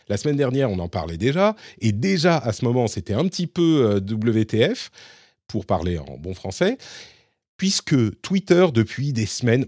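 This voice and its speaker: A man from Lebanon hosting a casual tech podcast, chatty and animated, often restarting his sentences. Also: mid-range voice, no room sound, clean studio sound. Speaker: podcast host.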